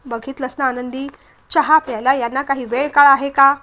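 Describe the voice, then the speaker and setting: A woman's voice: high-pitched, fairly even intonation, moderate pace, pushed and bright. A woman reading the part of a caring middle-aged aunt who soothes and coaxes, in a storybook reading. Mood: gentle.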